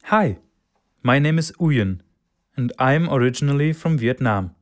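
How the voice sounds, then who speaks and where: A man's voice: mid-range voice, animated, measured pace, close to an everyday voice. A man voicing a wistful newcomer from Vietnam. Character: person from Vietnam, missing village neighbors. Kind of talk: scripted testimonial for a listening test.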